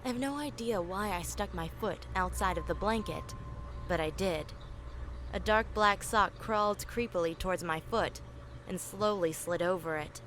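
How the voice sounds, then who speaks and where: A woman's voice: mid-range voice, normal speed, fairly bright tone, slight background noise. A woman giving earnest, scripted first-person horror narration in a breathless storytelling way. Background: music.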